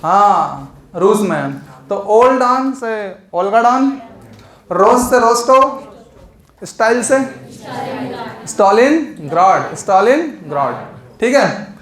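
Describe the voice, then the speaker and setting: A man's voice: high-pitched, lively intonation, slow, pauses often, a bit bright. A man teaching an exam coaching lesson, explaining memory tricks and asking the class questions that he answers himself. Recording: echoey room.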